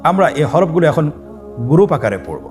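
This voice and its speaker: A man's voice: fairly high pitch, sing-song, a little mellow. Male Quran teacher, patient call-and-repeat drills, faint music underneath. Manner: slow call-and-repeat drilling, drawn-out sung letter names. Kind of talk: step-by-step Arabic letter lesson.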